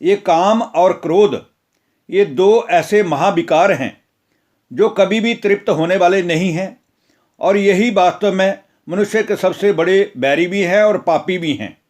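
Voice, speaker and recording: A man voicing a calm, solemn divine teacher who gives measured instruction in a scripture retelling. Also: sits high. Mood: instructive.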